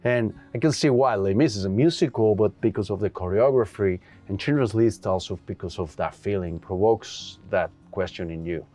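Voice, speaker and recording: Man, low voice, earnest storyteller, casual interview, faint music underneath. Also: moderate pace, hardly any pauses, warm tone. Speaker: film director guest.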